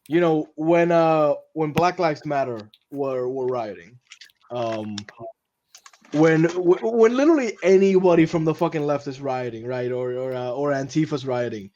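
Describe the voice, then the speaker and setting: A man from Puerto Rico co-hosting a podcast, telling stories in an animated, swearing, gleeful way. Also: a little high, measured pace, dull audio. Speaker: podcast co-host. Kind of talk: casual political chat.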